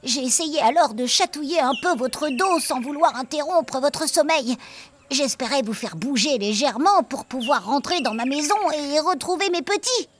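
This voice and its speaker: Woman doing a little scared rat, really high squeaky voice, bit of noise behind. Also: animated, moderate pace. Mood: pleading. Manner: high, pleading, polite. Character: tiny timid male rat, pleading. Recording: noisy recording.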